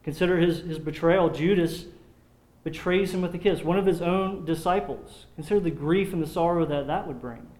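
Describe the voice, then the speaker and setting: Man, preacher, earnest sermon, measured delivery, somewhat high voice, reverberant room. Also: darkish tone. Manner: earnest, measured, repeats words when restarting. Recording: echoey room.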